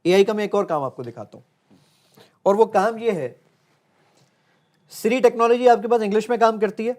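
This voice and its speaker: A man's voice: high voice, darkish tone. A man, the founder of a tech app, talks earnestly in an interview and walks through a live demo step by step. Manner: earnest, explains step by step while showing a phone.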